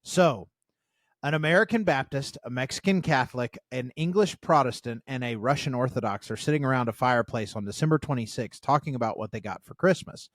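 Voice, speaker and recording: A man's voice: medium pitch, brisk, dry recording. A man co-hosting a casual podcast, reading posts aloud and rambling between laughs. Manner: rambling, laughs often, lively storyteller. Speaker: podcast co-host.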